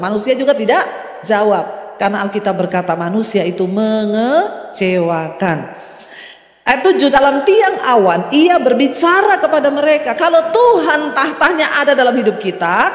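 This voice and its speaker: Emphatic woman pastor preaching in echoey hall. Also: high-pitched. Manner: emphatic preaching with rising exclamations and chuckles. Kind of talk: sermon. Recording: echoey church hall reverb.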